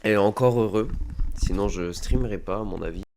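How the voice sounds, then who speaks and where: A man's voice: lowish voice, a little fast, darkish tone, a little hiss or hum. A man with a head cold casually chatting to viewers while streaming a game. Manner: chatty, rambling, talks to viewers. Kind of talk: casual let's-play commentary. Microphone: desk microphone.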